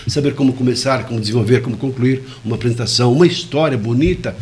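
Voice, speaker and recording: A man's voice: darkish tone, a little hiss or hum. Man demonstrating vocal variety while explaining. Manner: demonstrative, shifting volume and pitch to illustrate points; deliberate, careful enunciation. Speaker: communication expert guest. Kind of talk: web radio interview, explaining.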